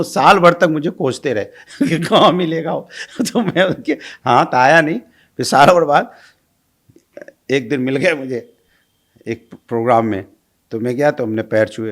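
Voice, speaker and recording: Animated storytelling man. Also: mid-range voice, unhurried. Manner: animated, laughs while recounting, acts out quoted lines. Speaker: guest. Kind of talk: casual storytelling.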